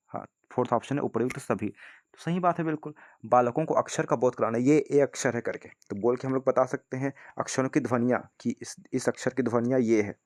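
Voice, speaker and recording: Man, teacher, casual exam-prep lesson, reads questions aloud, keeps checking in viewers. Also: medium pitch. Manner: repeats checks like "ठीक है ना", addresses viewers as friends. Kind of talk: casual spoken lesson, reading quiz questions.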